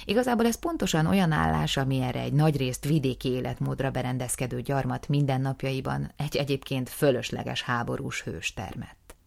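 A woman narrates a story in first person with a calm, wry, measured delivery. Her voice is low and gravelly with audible fry. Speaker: audiobook narrator.

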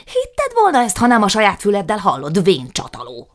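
A woman's voice: medium pitch, huge pitch swings, pitched above the performer's own voice. A woman reading an audiobook, voicing an indignant, blustering middle-aged man who rants theatrically. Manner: loud, theatrical ranting.

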